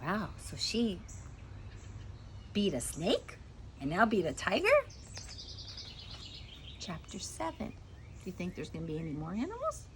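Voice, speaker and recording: A woman's voice: fairly low pitch, big pitch swings, measured pace, long pauses, slight background noise. A woman reading a children's story aloud, playful, stretching dramatic words and asking the listener questions.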